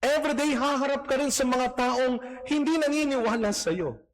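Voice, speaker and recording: A man's voice: extremely high pitch, moderate pace. A man, a priest, giving a morning mass homily with a storytelling, humorous touch. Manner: storytelling with humorous anecdotes, mixing Tagalog and English. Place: church.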